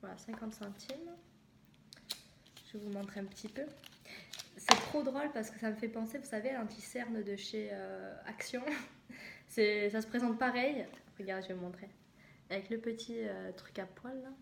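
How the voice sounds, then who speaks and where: A woman's voice: on the high side, normal speed, gravelly. A young woman from southwest France chatting casually in a haul video, hesitant and full of fillers. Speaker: vlogger. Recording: echoey room with noise.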